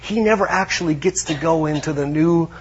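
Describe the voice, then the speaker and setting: Male pastor, sermon delivery, husky and slightly high voice, dull lo-fi sound. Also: fairly quick. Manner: conversational, drops to hushed tones for emphasis.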